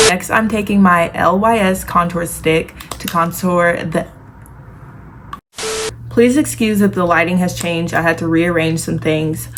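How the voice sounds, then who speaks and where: A woman's voice: on the low side, fairly bright tone. A woman vlogger giving a casual, chatty makeup tutorial, talking familiarly to viewers with a lisp from the retainer she is wearing. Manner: girly, familiar asides to viewers. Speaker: beauty vlogger. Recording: clear background noise, room ambience.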